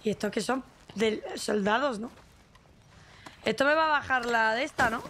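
High-voiced woman streamer. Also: normal speed, a little hiss or hum. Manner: animated, exclaiming and laughing at the game. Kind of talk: casual gameplay commentary.

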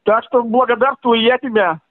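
A man's voice: very high-pitched, fairly even intonation, moderate pace, no room sound. A man from Russia on a casual phone call, agreeable and rambling, with many hedging filler phrases. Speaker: caller. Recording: tinny, dry phone line.

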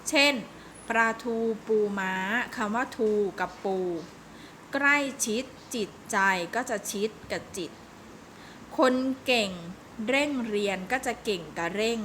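Bright, patient woman teacher. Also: medium pitch, slow pace, slight background noise. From Thailand. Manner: patient, explains step by step with frequent polite particles. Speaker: primary school teacher. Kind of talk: recorded online lesson for young pupils.

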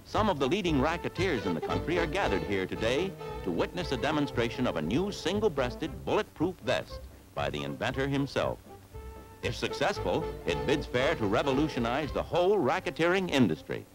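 A man's voice: medium pitch, huge pitch swings, moderate pace, poor audio. Man narrating in old newsreel style. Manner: emphatic mock-serious announcer delivery. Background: music.

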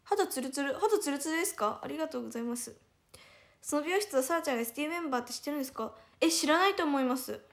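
High-voiced young woman with a Hiroshima accent. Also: animated, racing. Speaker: idol livestreamer. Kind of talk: casual livestream chat reading viewer comments.

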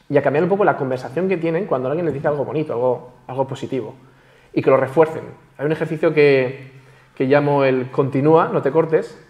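A man speaking at a brisk, rushing clip, his voice sitting a little high for a man. He is a self-esteem coach on a panel talk show, and he explains eagerly, slipping into the voices of people in his examples. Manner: animated, acts out quoted everyday dialogue.

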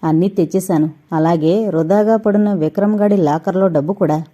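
A woman's voice: fairly low pitch, a little fast, dark tone, dull audio, close to an everyday voice. A woman voicing an anxious male doctor who pleads and hurries the others along. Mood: sly.

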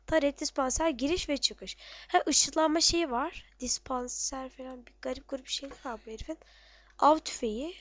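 A woman giving casual, excitable commentary on her own gameplay, muttering to herself and shouting at enemies. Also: high-pitched, moderate pace, no echo.

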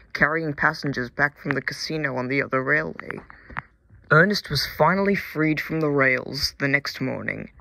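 A man narrating a comic toy-train story in a deadpan, wry manner. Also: fairly high pitch, creaky, a little hiss or hum, poor audio. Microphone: phone.

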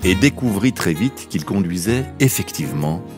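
A man's voice: low-pitched, lively intonation, normal speed, over music. A man narrating a children's fairy tale in a lilting, sing-song way, drawing out the repeated phrases. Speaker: storyteller.

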